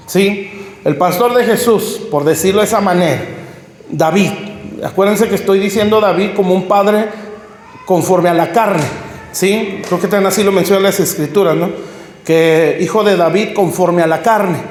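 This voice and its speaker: High-voiced preacher in an echoey hall. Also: male voice, darkish tone. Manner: explanatory, often checking with "¿sí?". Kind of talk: sermon teaching. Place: church hall.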